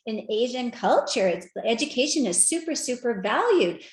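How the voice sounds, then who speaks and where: A woman giving a conference talk with slides, animated and conversational, often asking the audience direct questions. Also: a little high, normal speed, echoey room. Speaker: speaker at an equity research event. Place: virtual event.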